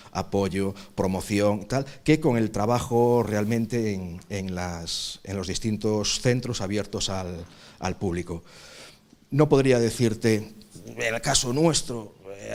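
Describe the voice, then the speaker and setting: A man from Galicia, answering questions at a workshop panel in a measured way, often pausing to find his words. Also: on the low side. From Galicia, Spain. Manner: measured, searching for words, frequent pauses. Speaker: workshop presenter, archaeological park director.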